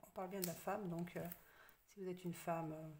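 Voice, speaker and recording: Soft-spoken woman reading tarot. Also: fairly low pitch, steady tone, fairly quick, a little hiss or hum. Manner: hesitant, many fillers, soft half-whispered asides. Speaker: tarot reader. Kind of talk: casual tarot reading to camera.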